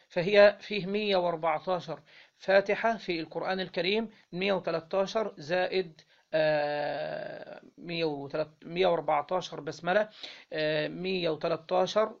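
An Egyptian-accented man with a high, gravelly voice teaches Islamic law, reading each line of the legal text before unpacking it. He pauses with "what?" to quiz listeners for the missing word. The lo-fi recording sounds dull.

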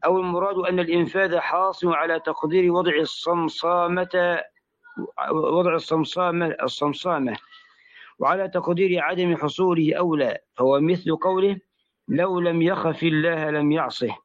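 A man's voice: a little high, fairly even intonation, brisk. A man reading a classical commentary aloud in a study lesson, carefully spelling out vowels and letters, heard on a dull lo-fi recording. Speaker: student reading the text aloud.

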